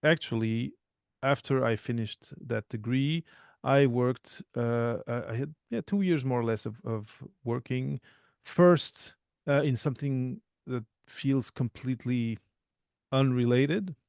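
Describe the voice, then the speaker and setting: A man, talking as a guest in a relaxed, thoughtful way with frequent restarts. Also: medium pitch, slow, gravelly, clean tone, no echo, studio quality. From Portugal. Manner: thoughtful, self-correcting, many restarts. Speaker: podcast guest. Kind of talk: casual interview talk.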